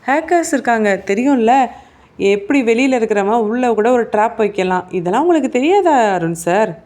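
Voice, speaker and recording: A woman's voice: mid-range voice, normal speed, darkish tone, lightly acted. A woman voicing an evasive, indignant male police officer who is under suspicion.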